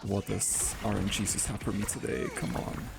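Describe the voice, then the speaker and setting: A man's voice: on the low side, huge pitch swings, moderate pace, vocal fry, heavy background noise. A man casually thinking aloud while playing a game and reading its text out as he goes. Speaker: gaming let's-play host.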